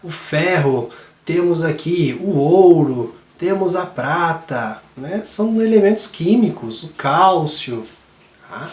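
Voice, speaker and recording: A man teaching a science lesson to young students in a chatty, relaxed way, his voice hoarse from a cold. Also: a little high, reverberant. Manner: chatty, relaxed, many fillers. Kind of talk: classroom lesson for kids.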